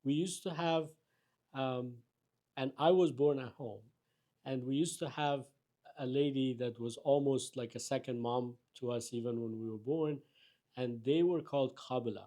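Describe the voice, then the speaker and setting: Mellow-voiced man hosting an interview. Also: mid-range voice, moderate pace. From Afghanistan. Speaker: interview host. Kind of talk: conversational interview.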